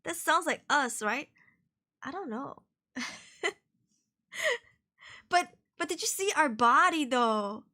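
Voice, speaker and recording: A woman's voice: high-pitched, expressive, slow pace, pauses often, pushed and bright. A young woman streaming a horror game, chatty and jumpy, sniffly with a cold. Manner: chatty, jumpy, swearing and laughing. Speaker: VTuber streamer.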